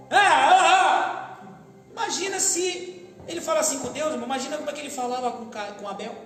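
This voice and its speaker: High-voiced preacher in an echoey hall. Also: male voice. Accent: Brazilian Portuguese. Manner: preaching with call-and-response, acting out voices. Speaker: pastor. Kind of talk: Pentecostal sermon. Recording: echoey hall with music behind.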